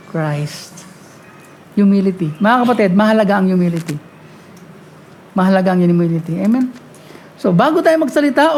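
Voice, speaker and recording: A woman preaching a sermon, talking quickly and often asking the congregation "Amen?". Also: on the high side, darkish tone. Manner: mixes Tagalog and English, frequent call-and-response "Amen?"; talks fast at times.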